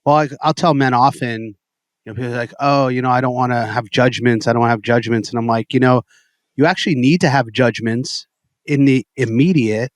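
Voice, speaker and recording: A man's voice: medium pitch, fairly even intonation, fairly quick, no echo. A man from New York co-hosting a podcast, talking casually about coaching men, often tagging "right?" and "you know". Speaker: podcast co-host, men's work coach. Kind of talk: casual conversation.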